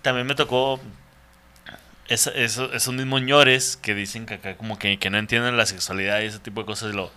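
A man's voice: fairly low pitch, fairly even intonation, fairly quick, sharp tone, smooth. A man with a northern Mexican accent telling casual comic stories as a podcast co-host, with slang and swearing. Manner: slangy, profane, joking. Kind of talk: casual comedic storytelling.

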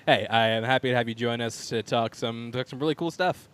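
A man's voice: medium pitch, a little fast, fairly bright tone, clean tone. A man hosting a casual entertainment talk show, introducing and chatting in an informal way. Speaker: podcast host.

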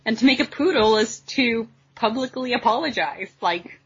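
Woman chatting on a podcast, raspy, a bit high. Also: animated, normal speed. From Sweden. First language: Swedish. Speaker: podcast co-host. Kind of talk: casual podcast chat. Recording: dull lo-fi audio.

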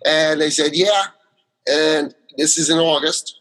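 A man's voice: fairly high pitch, fairly even intonation, slow, a bit bright, poor audio. A man chatting as a guest about his solo theater work, telling long rambling stories full of fillers and restarts. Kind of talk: casual interview chat.

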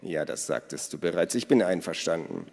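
A man voicing a calm, dry-witted father in a read-aloud storybook, with understated replies. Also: deep voice, brisk, creaky, exaggerated voice. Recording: long hall reverb.

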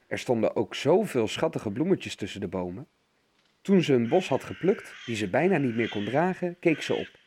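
A man reading a children's fairy tale aloud as narrator, with expressive storytelling. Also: mid-range voice, a little hiss or hum.

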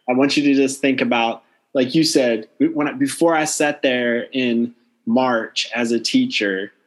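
A man hosting an interview podcast in an informal, encouraging way, moving between conversation and narration. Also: mid-range voice.

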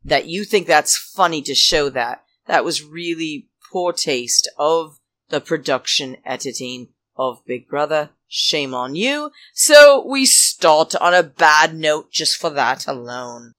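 A woman with a notably low voice delivers chatty podcast commentary at a leisurely, drawn-out pace. Her manner is campy and theatrical like a drag queen, full of sassy, indignant emphasis. The recording is close and dry. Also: sing-song, a bit bright, no room sound. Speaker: podcast host. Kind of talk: solo reality TV recap podcast, chatty commentary.

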